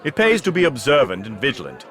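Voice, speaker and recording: An actor playing an imperious, menacing dark sorcerer in a comic fantasy audio drama, with a grandiose, haughty delivery. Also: male voice, mid-range voice, huge pitch swings, fast talker. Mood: sly, haughty.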